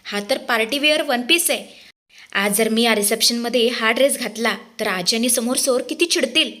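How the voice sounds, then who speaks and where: A woman's voice: on the high side, moderate pace, pushed and bright. Woman voicing a vain young bride, brash and boastful, storytelling recap. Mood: excited.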